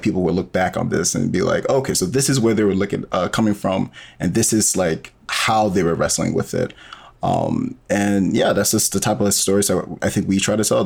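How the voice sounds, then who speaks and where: Rough-edged and low with vocal fry, the voice belongs to an audio drama creator on a podcast. He chats casually in the interview, wandering off with frequent fillers.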